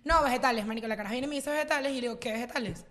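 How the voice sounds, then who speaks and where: Animated young Venezuelan woman. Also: high voice, racing. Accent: Venezuelan Spanish. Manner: animated storytelling, laughing often. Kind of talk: casual chat among friends.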